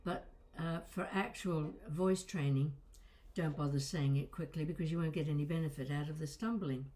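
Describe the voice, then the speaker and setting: An older female voice coach and presenter delivers a casual instructional talk to camera, wandering off on tangents and adding wry comments. She has a deep, slightly mellow voice at a normal pace, and it crackles a little and breaks now and then.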